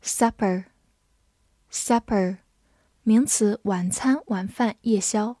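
A woman reading an English vocabulary review. She says each word twice in a deliberate way, then gives its part of speech and meanings. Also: medium pitch, dark tone, slightly rough, no echo, studio quality.

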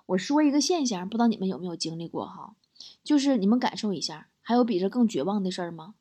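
A woman's voice: mid-range voice, quick pace. A woman reading funny stories aloud, switching voices for the people she quotes. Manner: lively storytelling, voices quoted characters. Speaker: joke reader.

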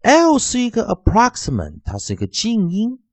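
A man teaching English pronunciation in a scripted phonics lesson, explaining in Chinese and slowly repeating sounds in drills. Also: no room sound. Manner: very lively pitch, drawn-out syllables.

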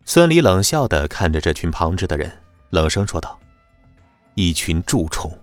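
A man narrating a web novel audiobook in a lively, dramatic storytelling manner. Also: low voice, fairly quick, no echo, faint music behind.

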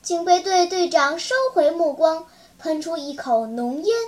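A woman's voice: extremely high pitch, unhurried, darkish tone. A woman narrating a children's story in a vivid, dramatic storytelling manner. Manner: vivid, dramatic, clear enunciation.

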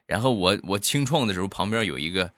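A man with a low but bright voice tells a run of comic jokes, swinging his pitch widely and stretching out his punchline particles. The sound is close and dry. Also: no room sound. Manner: lively, punchline delivery, frequent drawn-out particles. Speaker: comic storyteller. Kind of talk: comic joke monologue.

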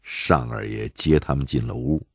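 A man with a Beijing accent reading a novel aloud on the radio, lively and expressive. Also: rumbling low, moderate pace, gravelly, husky. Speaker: storyteller.

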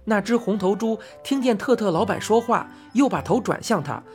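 A woman narrating a children's storybook in an expressive reading style. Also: medium pitch, normal speed, faint music behind.

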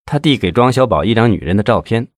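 Low-voiced man narrating a story. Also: animated, fast talker, no echo, studio quality. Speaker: audiobook narrator. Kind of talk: scripted narration.

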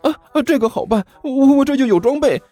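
A man's voice: very high-pitched, animated, a little fast, dark tone, faint music behind, voice pushed up. A man voicing a flustered young man who stammers eagerly.

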